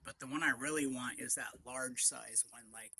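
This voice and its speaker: A middle-aged man in a casual, rambling vlog chat, speaking in short, leisurely phrases with pauses, outdoors on a front deck. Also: mid-range voice, steady tone, gravelly, bright, forceful tone, husky, dry recording. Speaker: vlogger.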